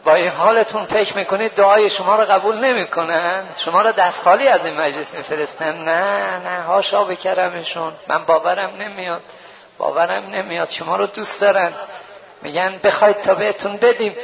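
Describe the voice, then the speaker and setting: A man preaching a religious sermon at a mourning gathering, moving between plain storytelling and high wailing chant. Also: steady tone, vocal fry, a little hiss or hum. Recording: dull low-fidelity recording.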